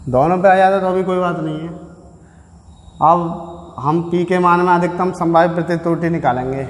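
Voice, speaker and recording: Male teacher, slightly high voice, patient step-by-step explainer; echoey room with long reverb. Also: fairly even intonation, normal speed, slight background noise. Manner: patient, explains step by step, addresses students directly. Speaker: physics teacher. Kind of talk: classroom lecture solving numericals.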